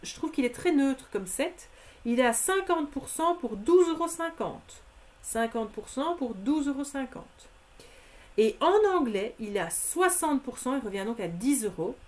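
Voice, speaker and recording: A woman's voice: high-pitched, animated, measured pace, darkish tone. A woman presenting craft products in a live stream, methodically listing discounts and prices and speaking familiarly to her viewers.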